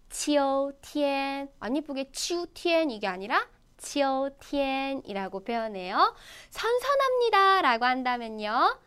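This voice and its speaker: A woman's voice: high voice, a bit bright. A woman teaching Chinese in Korean, coaxing her students to repeat phrases aloud with her. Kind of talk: online language lesson.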